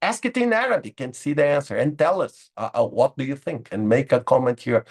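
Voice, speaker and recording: This emphatic webinar host, a man with Portuguese as his first language, answers chat questions informally on a video call. His husky, medium-pitched voice moves with lively intonation at a slightly fast pace, and he repeats words and keeps asking "okay?"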